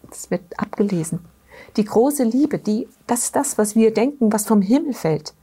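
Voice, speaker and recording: A woman's voice: a little high, expressive, moderate pace, dark tone, husky. A middle-aged woman, a therapy practitioner, explaining her ideas through stories in an interview. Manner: explains with anecdotes, asks listener questions. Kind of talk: conversational storytelling in an interview.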